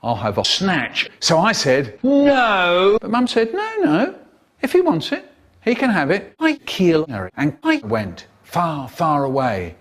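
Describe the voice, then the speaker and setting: Spliced-word male narrator, slow, wildly swinging pitch, choppy edits between words. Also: huge pitch swings. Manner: jumpy, jarring shifts in pitch and loudness between words. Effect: spliced together word by word from clips.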